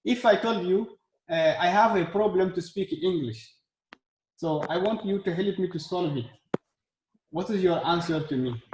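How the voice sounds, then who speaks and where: A man's voice: high-pitched, normal speed, darkish tone. A man hosting a casual language practice session, encouraging and repeating his words as he talks. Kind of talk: casual group conversation. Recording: echoey room with faint noise.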